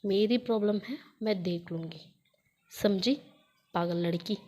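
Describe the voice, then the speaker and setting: A woman's voice: mid-range voice, unhurried, a little mellow, voice pushed down, close to an everyday voice. A woman voicing a bossy, protective young woman in a storybook drama. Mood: teasing. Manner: teasing, commanding.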